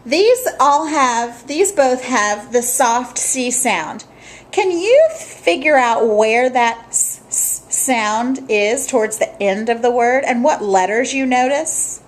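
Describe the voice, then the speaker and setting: Female teacher, slightly high voice, unhurried and patient, for a children's phonics video lesson. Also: animated. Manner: slow, patient, clearly sounding out letters and words.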